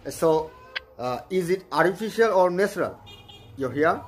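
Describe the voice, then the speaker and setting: Brief: man, twenties, English learner, hesitant, higher-pitched. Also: slight background noise. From Bangladesh. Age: 20s. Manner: halting, repeats okay, flattering. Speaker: channel host practicing English. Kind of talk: casual chat. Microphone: video call.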